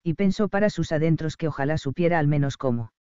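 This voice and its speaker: A man reading a novel aloud as an audiobook narrator, in an even, measured way. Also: on the high side, clear, resonant tone, dry recording, dull audio.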